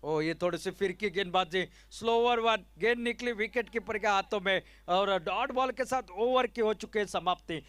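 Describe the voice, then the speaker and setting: A man's voice: high voice, moderate pace, few pauses, a bit bright, no echo. A man with an Indian accent giving live ball-by-ball cricket commentary.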